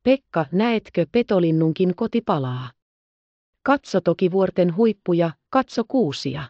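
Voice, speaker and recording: A woman voicing an excitable, tender-hearted little orphan girl in an audiobook, exclaiming and pleading. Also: lowish voice, no echo, highs cut off. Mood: awed excitement. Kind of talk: audiobook character reading.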